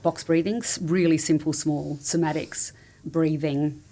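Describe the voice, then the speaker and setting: A woman with a low-pitched voice talks as a guest in a relaxed interview. She is candid and earnest, speaking in an affirming, conversational way. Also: a little slow. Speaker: podcast guest, family support coach.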